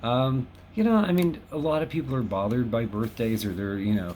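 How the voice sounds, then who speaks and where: A man's voice: mid-range voice, fairly quick, darkish tone, a little hiss or hum. A man in his fifties hosting a casual home video, talking in a chatty, wry, self-deprecating way. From Los Angeles. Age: 50s. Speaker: host. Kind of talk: casual monologue to camera. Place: home in West Hollywood.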